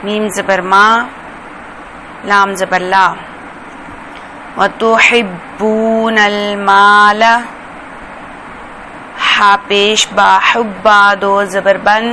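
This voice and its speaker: Female Quran reading teacher, careful and slow, flat steady delivery, noisy recording with vehicles passing. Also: medium pitch. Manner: slow, careful spelling out of syllables.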